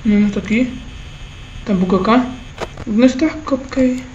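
High-voiced tense woman. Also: moderate pace, a little mellow, muffled recording, slight background noise. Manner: tense self-talk, muttering and frantic exclaiming. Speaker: gaming channel host. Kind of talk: horror game commentary.

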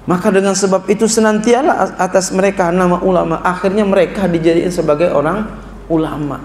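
A man teaching a classical text as a kyai, reading Arabic slowly and explaining it in casual speech that climbs into animated scolding. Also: high voice, a little hiss or hum. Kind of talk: sermon-style kitab lesson. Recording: echoey room with faint ambience.

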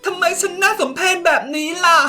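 A woman's voice: very high-pitched, steady tone, fairly quick, sharp tone, faint music behind, voice pushed up. A woman voicing a timid young woman leader who pities herself and apologizes constantly. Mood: self-pitying. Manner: plaintive, apologetic.

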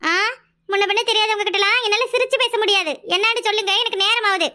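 A stern young village woman with a southern Tamil accent in a cartoon. Her voice is very high and bright, and she talks rapidly and curtly. She is dutiful and scolds easily. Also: steady tone. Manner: curt, sharp-tongued, scolding. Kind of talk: cartoon voice acting.

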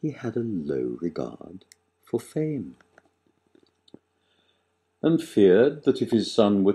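On a sofa in a small living room, an older man reads his own verse aloud. His deep, dark voice is theatrical, and his deliberate delivery swells and drops with emphasis.

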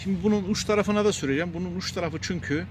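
A man calmly talking viewers through a repair job step by step, pausing often with fillers as he works. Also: high voice, noisy background. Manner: plain and unhurried, addresses viewers as friends, frequent filler pauses. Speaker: DIY repair presenter. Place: workshop bench and outdoor paved yard.

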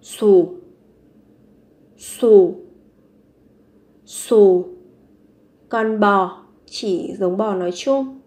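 A woman's voice: mid-range voice, extremely slow, long pauses, darkish tone. A woman teaching a vocabulary lesson, saying each word three times and then explaining it patiently. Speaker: language teacher. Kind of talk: vocabulary lesson, repeating words slowly.

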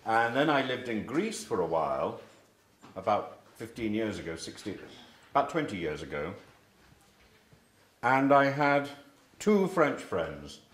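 Older English male teacher, rambling and animated, echoey classroom. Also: lowish voice, a little slow, long pauses. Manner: rambling, with many ums and restarts. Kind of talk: informal classroom talk. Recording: echoey room, faint hiss.

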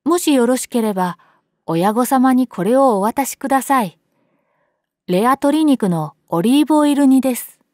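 A woman voicing a cheerful young male butcher's salesman with brisk, polite patter in an acted story. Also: high-pitched, lively intonation, darkish tone, no room sound, studio quality, pitched above the performer's own voice.

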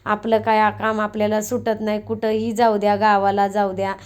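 A woman's voice: medium pitch, monotone, moderate pace, a little mellow, clear, resonant tone. A young woman, chatting homely and straight to her viewers as she narrates her vlog. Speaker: vlogger.

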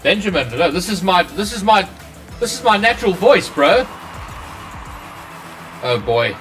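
A man's voice: high-pitched, big pitch swings, a little slow, a bit bright, recorded from a distance, faint music behind. A man commenting on his own gameplay during a live stream, his voice run through a voice changer. He chats with viewers between plays and swears when things go wrong. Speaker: gaming streamer.

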